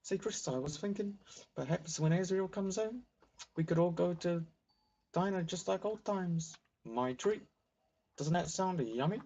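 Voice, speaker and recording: A man reading game dialogue as a gentle, motherly goat woman, sweet and politely fussing. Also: mid-range voice, animated, measured pace. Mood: sweetly polite.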